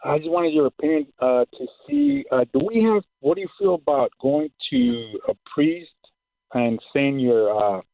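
A man's voice: fairly high pitch, big pitch swings, dry recording. Hesitant male caller on a tinny phone line. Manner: hesitant, halting, many fillers. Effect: heard over a phone line. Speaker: radio show caller. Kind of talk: call-in question.

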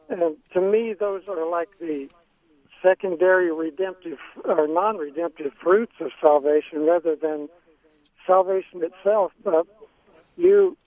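A man's voice: high voice, dry recording. A man calling in to a radio show, speaking hesitantly with many ums and restarts. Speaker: caller. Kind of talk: phone-in question. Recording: tinny phone line.

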